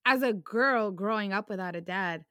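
A woman's voice: mid-range voice, moderate pace, fairly bright tone, no room sound, dull audio. Casting: young woman, raw and emotional, casual slang, dry close recording. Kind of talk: candid personal conversation.

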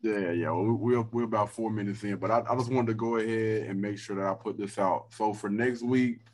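Laid-back man in his thirties, low voice. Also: steady tone, brisk, darkish tone. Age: 30s. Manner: laid-back, says "dog" and "man" often. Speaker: podcast host. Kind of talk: casual chat. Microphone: video call.

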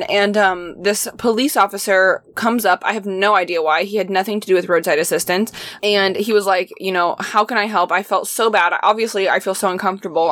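A woman's voice: mid-range voice, fairly bright tone. A young woman casually telling a personal story in a vlog from inside her van, chatty and full of "like" fillers. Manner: chatty, frequent "like" fillers, laughs while telling. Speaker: van life vlogger.

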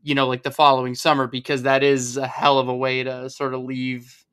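A man in casual podcast talk with a bright, crisp and smooth voice. His pitch stays flat while he rambles and restarts his thoughts. He speaks as a film analyst co-host. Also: fairly quick. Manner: rambling, thinking aloud, frequent restarts. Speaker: staff writer and box office analyst, co-host.

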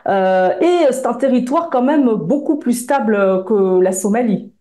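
A woman hosting a debate show, measured as she poses questions to guests. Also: fairly high pitch, animated, mellow. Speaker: host. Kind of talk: debate moderation.

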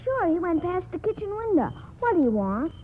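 A woman's voice: very high voice, very animated, fairly quick, a little hiss or hum. An eager little boy. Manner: eager, chirpy. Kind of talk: 1940s radio acting. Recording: tinny old radio broadcast.

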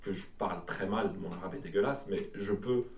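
A man's voice: sits low, fairly quick, distant mic, a crowd in the background. A man from Belgium, casually chatting as host and rambling as he repeats words while he searches for them. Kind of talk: casual chat. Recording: roomy sound from off-mic.

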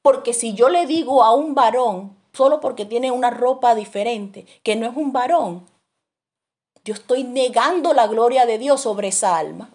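Lady teaching a bible class, lively storyteller, higher voice. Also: normal speed. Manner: animated storytelling, acts out voices in her anecdotes. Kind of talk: sermon teaching.

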